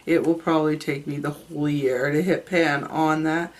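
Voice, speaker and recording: Sounding congested and ill, a woman reviews her makeup casually on camera as a beauty vlogger, chatty and candid, often trailing off and starting over. Her low voice keeps a steady tone at a moderate pace.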